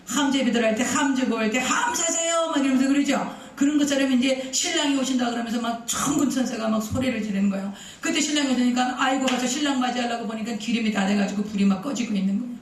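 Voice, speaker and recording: A woman pastor delivers a sermon in a conversational, lively way, asking the congregation questions and acting out voices, sometimes raising to a shout. She is recorded from far off, and her voice rings through a large, strongly echoing church hall. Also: on the high side, fast, few pauses. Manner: acts out quoted speech, at times shouting. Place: church sanctuary.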